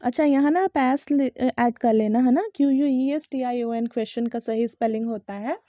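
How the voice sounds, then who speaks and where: A young woman who speaks Hindi natively, teaching English pronunciation in a patient way, saying each word slowly several times and spelling it letter by letter. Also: fairly high pitch, mellow, dry recording, dull audio. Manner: patient, repeats words slowly and spells them out. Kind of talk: explaining lesson to students.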